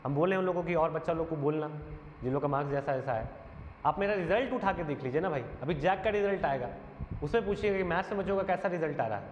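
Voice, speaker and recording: A man's voice: a little high, lively intonation, fast talker. A male teacher, defending himself point by point in an earnest, aggrieved monologue. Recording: echoey dull room sound, faint noise.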